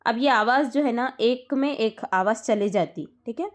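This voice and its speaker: Speaking in a fairly high voice, a woman walks her student through the rules of Quran recitation. She takes her time, repeats each point, and checks that the student understands.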